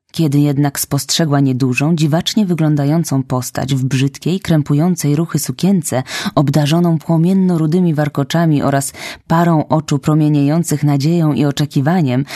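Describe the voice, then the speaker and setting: A woman narrating a storybook in an expressive, measured way. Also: sits low, no echo, clean studio sound.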